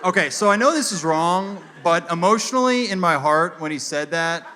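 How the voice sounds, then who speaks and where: A young man doing a stand-up comedy set on stage, telling a story with animated delivery and deadpan asides. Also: high-pitched, normal speed, noisy background. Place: comedy stage before a live audience. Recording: live show with loud audience laughter.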